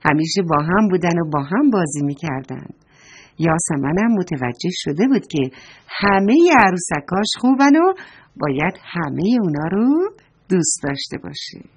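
Expressive woman telling a children's story. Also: fairly low pitch. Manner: addresses children directly, expressive.

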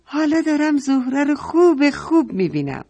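A woman voicing a curious, excited young girl in a children's story. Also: sits high, voice pushed up. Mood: excited wonder. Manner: eager, exclaiming.

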